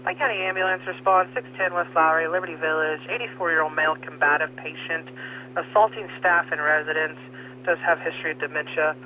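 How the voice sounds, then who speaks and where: A male emergency dispatcher comes through a two-way radio, thin and tinny as if heard from across a room. His voice sits a bit high, and he reads out the call in clipped, procedural phrases, repeating the details. A faint hiss runs under the transmission. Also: a little fast, far from the mic. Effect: heard over a two-way radio.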